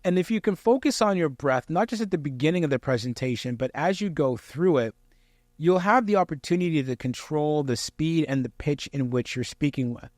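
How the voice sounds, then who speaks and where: A man giving instructional tips straight to the listener in a clear, projected presenter's delivery, conversational yet emphatic and encouraging. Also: fairly high pitch, lively intonation, fairly quick, a little mellow, dry recording, clean studio sound. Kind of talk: conversational instructional talk to camera.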